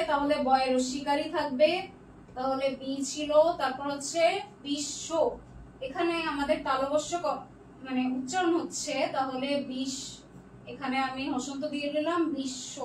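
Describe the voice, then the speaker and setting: A young woman with a high voice tutors a live online class from an echoey room, reading student comments as she goes. She is patient, checks answers one by one, and mixes in English words. A distant mic picks her up, with faint noise in the background.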